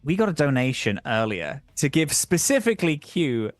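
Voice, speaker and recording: A man narrating as game master in a tabletop game stream, animated and laughing as he goes. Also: on the high side, moderate pace, no echo, faint music behind. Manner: animated, laughing, restarts often.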